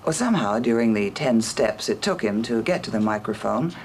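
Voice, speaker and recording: Male colleague, anecdotal interview, somewhat low voice. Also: lively intonation, brisk, a little hiss or hum. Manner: fond anecdotal storytelling. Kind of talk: reminiscing interview.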